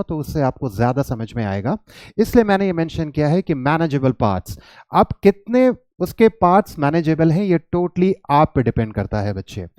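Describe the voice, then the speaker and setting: A man with an Indian accent teaching English pronunciation to children, switching between English and Hindi and sounding out long words slowly. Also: a little high, warm tone, no echo. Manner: mixes English and Hindi, addresses viewers as children. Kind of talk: classroom-style lesson to children.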